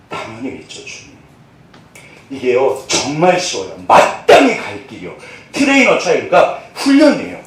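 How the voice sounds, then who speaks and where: A man's voice: fairly high pitch, very echoey, far from the mic, low-quality recording. A male pastor preaching a sermon, asking the congregation questions and answering them himself.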